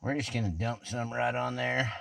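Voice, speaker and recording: A man's voice: medium pitch, steady tone, moderate pace, vocal fry, fairly bright tone, a little hiss or hum. A man casually talking to his viewers as "you guys" while camping outdoors at a backcountry campsite, in an easygoing vlog style. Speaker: vlogger.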